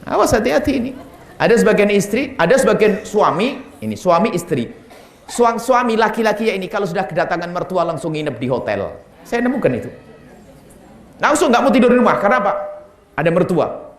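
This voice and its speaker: A male preacher giving a sermon to a congregation, animated and acting out little dialogues between husbands and wives. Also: sits high, fairly quick, reverberant. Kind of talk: sermon answering questions.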